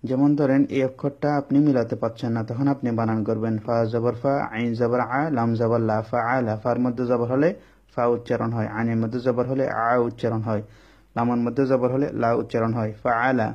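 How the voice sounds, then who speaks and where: A man leads a reading lesson, spelling every syllable with its vowel mark before joining them into the word. His voice sits at an ordinary middle pitch, and the recording sounds a little dull and muffled. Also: flat delivery. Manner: slow, repetitive letter-by-letter spelling, then the blended word. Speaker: Quran reading teacher.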